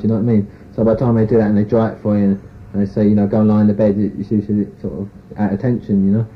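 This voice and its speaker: Rambling man on a tinny tape. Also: on the low side. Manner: rambling, full of "you know" and "sort of". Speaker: interviewee. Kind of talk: frank rambling personal account. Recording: tinny phone-like tape recording with faint hiss.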